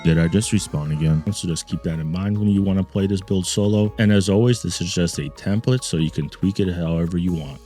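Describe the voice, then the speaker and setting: A man's voice: deep voice, fairly quick, hardly any pauses, dark tone, faint music behind. A man hosting a gaming channel, giving playful gameplay commentary and repeating his catchphrases, recorded at a desk mic in a home gaming setup.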